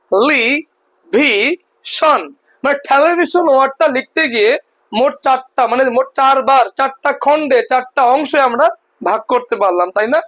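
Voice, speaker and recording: High voice, English teacher, spoken lesson, asks then answers own questions, spells words out slowly. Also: a bit bright, poor audio.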